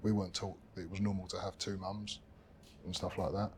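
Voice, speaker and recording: Low-voiced British man in his thirties. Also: level tone, a little fast, a little hiss or hum. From United Kingdom. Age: 30s. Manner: hesitant, restarts with fillers. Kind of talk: casual podcast chat.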